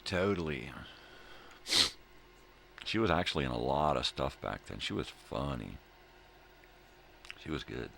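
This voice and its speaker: A middle-aged man with a creaky bass voice chats in a sing-song way at a measured pace, pausing often. As host of a daily morning video log, he rambles casually with a relaxed stoner drawl and repeats himself. The recording carries noticeable background noise.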